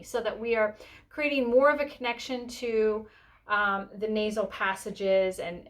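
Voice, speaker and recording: Casting: woman yoga teacher, fairly high voice, instructive step-by-step delivery with casual check-ins. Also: fairly bright tone. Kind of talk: spoken step-by-step demonstration lesson.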